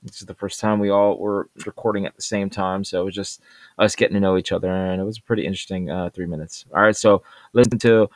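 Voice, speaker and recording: A man hosting a podcast, introducing clips in a halting way with many filler pauses. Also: low-pitched, steady tone, no echo. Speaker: podcast host.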